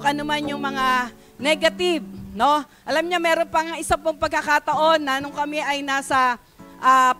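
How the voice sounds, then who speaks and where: High-voiced Filipina woman pastor preaching. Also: bright, forceful tone. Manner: Tagalog-English code-switching, frequent tag "no?". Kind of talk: sermon.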